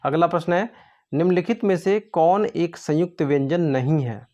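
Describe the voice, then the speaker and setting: A man's voice: a little high, moderate pace, darkish tone. A man tutoring for an exam, going through quiz answers step by step in a patient way. He asks his own questions and then answers them.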